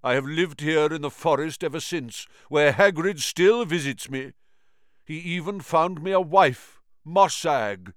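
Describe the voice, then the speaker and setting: A man voicing an ancient giant male spider, croaking and grave, speaking slowly and solemnly. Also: fairly high pitch, dry recording, clean studio sound, pitched above the performer's own voice, natural voice. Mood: fretful. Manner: slow, solemn, clicking menace.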